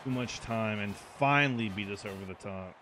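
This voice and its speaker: A man commenting out loud on his own football video game, reacting excitedly to each play. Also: fairly low pitch, normal speed, background noise. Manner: excitable, reacting to plays aloud. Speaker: gaming channel host.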